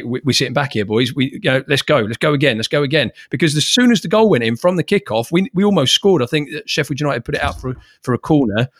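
On a fan podcast, a male co-host talks football casually and thoughtfully, often restarting sentences and repeating words as he begins them. His mid-range voice is captured in studio quality with no echo.

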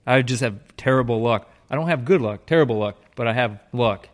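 A man's voice: medium pitch, a little fast. A man co-hosting a podcast, talking bluntly and swearing a lot in casual chat. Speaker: podcast co-host.

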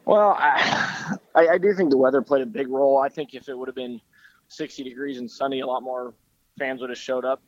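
A hoarse man co-hosts a sports podcast, his voice worn from yelling and his pitch staying flat. He talks in a relaxed, agreeable way, and the recording sounds a bit dull and lo-fi. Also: brisk, no room sound. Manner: relaxed and agreeable, with many fillers. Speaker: podcast co-host. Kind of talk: casual sports podcast chat.

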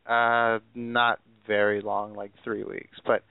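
A young man from Southern California calls in over a tinny, phone-like line, his voice low and gravelly with fry. He speaks hesitantly and loses his thread, filling gaps with "like" and "you know." He sounds faint and a little distant from the mouthpiece. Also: level tone, takes it slowly, no echo. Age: 20s. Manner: hesitant, rambling with many fillers. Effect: heard over a phone line. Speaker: caller. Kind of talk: call-in advice conversation.

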